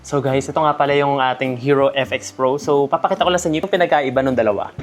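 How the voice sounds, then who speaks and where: A man with a Filipino accent narrates a casual unboxing vlog, giving a chatty, jokey product review straight to viewers. He has a medium-pitched voice, talks fast, and there is background music.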